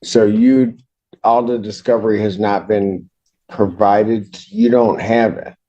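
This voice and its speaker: A man's voice: lowish voice, fairly even intonation, slow, warm tone, lo-fi sound. A man speaking formally as a judge in a courtroom, questioning and giving procedural rulings. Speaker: judge presiding over a court hearing.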